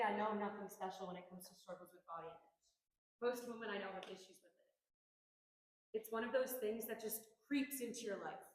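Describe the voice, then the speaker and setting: A woman's voice: medium pitch, roomy sound, rough recording. A young woman performing a reflective personal monologue with earnest, dramatic emphasis. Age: young adult.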